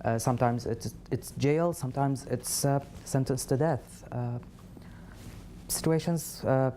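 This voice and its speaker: A man from Syria, answering in a TV studio interview in a halting way, with many pauses and fillers. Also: mid-range voice, mellow, slight background noise. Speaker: interview guest, refugee.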